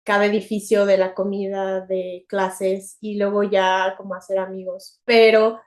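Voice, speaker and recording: A young woman with a Mexican accent, co-hosting a podcast in a chatty, animated way and laughing often. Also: medium pitch, unhurried. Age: young adult. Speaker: podcast co-host. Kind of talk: casual chat.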